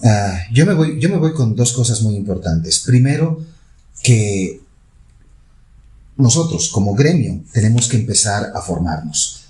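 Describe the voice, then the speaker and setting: A man co-hosting an interview, summarizing what he learned in a measured way. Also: fairly low pitch, big pitch swings, warm tone, roomy sound.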